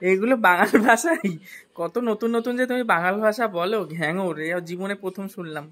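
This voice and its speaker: A man's voice: high voice, fairly quick, a bit bright. A man, chatting casually to viewers while vlogging at home with his family. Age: 20s. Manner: chatty, addresses viewers directly. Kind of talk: casual family vlog narration.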